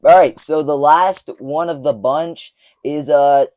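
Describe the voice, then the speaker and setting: A man's voice: fairly high pitch, slow, a little mellow, no room sound. Rambling young man on a clip-on mic. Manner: rambling, lots of fillers and restarts. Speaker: video creator. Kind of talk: casual commentary. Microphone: small clip-on lapel mic, recorded on a phone.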